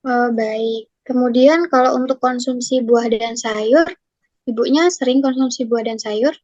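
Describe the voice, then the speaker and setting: Her voice is fairly high with a darkish tone and fairly even intonation, and she speaks unhurriedly. She's a young woman playing a nutrition counselor in a scripted class role-play, asking polite, formal questions in sequence, captured in a dry, muffled lo-fi recording.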